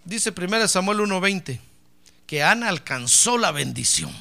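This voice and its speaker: A man preaching in a very high, gravelly voice. His bright, piercing tone rises and falls widely as he repeats words for emphasis and swings between hushed asides and loud exclamations. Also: sing-song, moderate pace. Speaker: pastor. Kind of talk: sermon.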